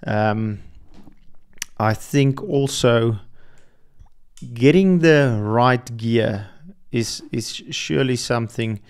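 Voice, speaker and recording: Very slow and marked by long pauses, his mid-range voice carries a darkish, smooth tone. He's a young Afrikaans-speaking podcast host musing solo, hesitant and prone to fillers and frequent restarts.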